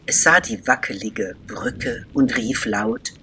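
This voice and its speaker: Slow, bright-voiced male storyteller. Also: medium pitch, lively intonation, slight background noise. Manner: slow and deliberate, with dramatic pauses. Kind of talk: scripted narration of a children's story.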